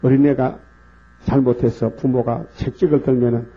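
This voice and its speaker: A man preaching a heated sermon, acting out quoted voices and rising into shouts. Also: mid-range voice, flat delivery, moderate pace. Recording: lo-fi with gravelly creak and mains hum.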